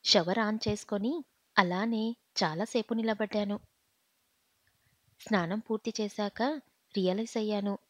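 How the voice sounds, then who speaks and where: A woman narrating a first-person story as an audiobook reader, in a steady, earnest way. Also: medium pitch, a little slow, pauses often, no room sound. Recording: slightly muffled home audio.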